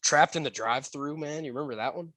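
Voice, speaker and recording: Young man, podcast co-host, bright voice, dry close sound, eager stammering casual chat. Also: on the high side, quick pace, dry recording. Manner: enthusiastic, stammering, lots of "like".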